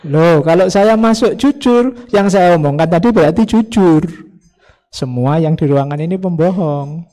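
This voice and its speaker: A man's voice: a little high, moderate pace, dark tone. A man giving an informal philosophy lecture, explaining with folksy jokes and acted quotes. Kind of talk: informal religious study lecture.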